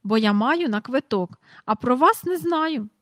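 A woman's voice: sits high, expressive, a little slow, no echo, clean studio sound, voice pushed up. A woman voicing a stern, proud nanny who speaks curtly and sharply. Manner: curt, sharp, haughty.

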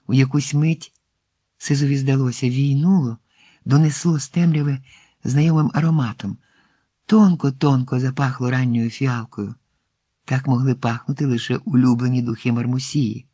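A man narrating a fairy-tale adventure in an expressive storybook reading, dropping to a hush at tense moments. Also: medium pitch, normal speed, dry recording.

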